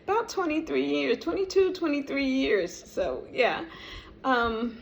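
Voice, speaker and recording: A middle-aged woman vlogger telling a personal story in a casual, animated way, often laughing and praising. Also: sits high, a little slow, creaky, slight background noise. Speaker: vlogger sharing a testimony.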